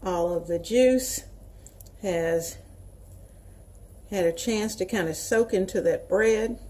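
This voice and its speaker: Taking it slowly in a mellow, medium-pitched voice, a Southern US home cooking show host chats in a folksy way with viewers. She is a woman from the American South demonstrating casual home cooking.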